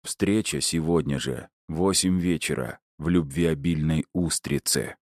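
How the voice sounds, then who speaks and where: A man voicing a grim, commanding gang boss who speaks slowly and heavily. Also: a bass voice, a little mellow, no room sound, studio quality. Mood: strained. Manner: slow, heavy, barking delivery.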